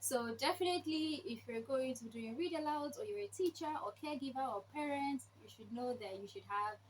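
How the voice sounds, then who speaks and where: A woman's voice: sits high, lively intonation, a little fast. A woman giving an informal instructional talk, explaining step by step with emphasis and rhetorical questions. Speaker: presenter sharing read-aloud tips. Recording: clearly noisy background.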